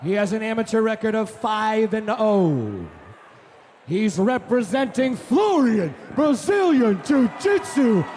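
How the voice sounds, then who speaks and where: A man working as a ring announcer, shouting drawn-out boxing-style introductions in a booming showman delivery at a live fight event. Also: very animated. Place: cage fight venue with a crowd. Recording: live event, crowd and faint noise.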